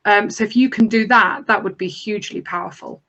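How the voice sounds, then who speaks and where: A woman's voice: medium pitch, fairly quick, a bit bright, dull audio. Earnest woman panelist. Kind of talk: panel discussion.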